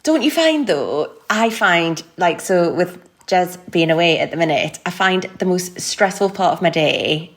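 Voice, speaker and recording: A woman's voice: fairly low pitch, animated, a little slow, hardly any pauses. A woman, co-hosting a comedic parenting podcast, rambling and self-deprecating with frequent laughs. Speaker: podcast co-host. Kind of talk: casual comedic chat.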